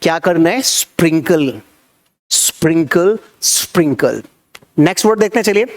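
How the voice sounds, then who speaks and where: A young man teaches kitchen vocabulary in a lively way, repeating each word and quizzing his listeners as he goes. His voice sits high for a man. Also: normal speed. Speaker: spoken English teacher. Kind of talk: Hindi-language vocabulary lesson.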